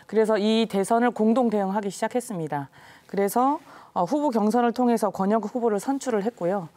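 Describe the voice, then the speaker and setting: A woman with a Jeju accent, a party election co-chair, answering interview questions in a measured, formal way with many hesitant fillers. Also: medium pitch, mellow. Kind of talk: current-affairs interview answers.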